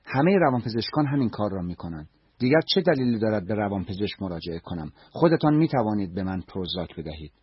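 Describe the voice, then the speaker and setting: A man's voice: lowish voice, sing-song, breathy edge. A man reading a story, voicing an angry forty-year-old married woman who speaks bluntly and sarcastically. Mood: complaining. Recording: dull lo-fi recording.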